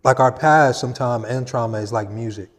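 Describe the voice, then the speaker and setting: A man interviews his guest in a thoughtful, conversational manner. His voice sits at an average pitch. A long reverb trails his words in the room. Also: a little fast. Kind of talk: casual interview chat.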